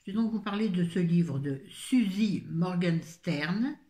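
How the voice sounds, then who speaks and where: A woman's voice: fairly low pitch, animated, a little slow, warm tone, echoey room. An older woman reviewing books in a casual, rambling chat full of self-mocking asides. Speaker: book vlogger.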